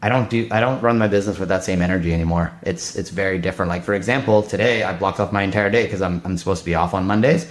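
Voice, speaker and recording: A man in his thirties, a podcast guest, talking casually in a loose, restless way full of fillers and restarts. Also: sits low. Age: 30s. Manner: fast, loose, filler-heavy talk with many restarts. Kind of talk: casual conversation.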